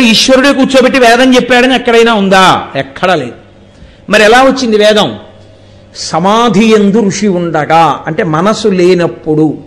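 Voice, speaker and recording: High-voiced man giving a sermon. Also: a bit bright. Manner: explains through rhetorical questions and recited verses. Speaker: religious discourse speaker. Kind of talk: devotional sermon.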